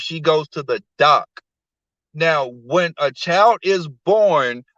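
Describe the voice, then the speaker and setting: A man on a live stream explaining his beliefs slowly and firmly, like a preacher. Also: fairly high pitch, a bit bright, no echo, highs cut off. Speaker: guest. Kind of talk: casual live-stream talk.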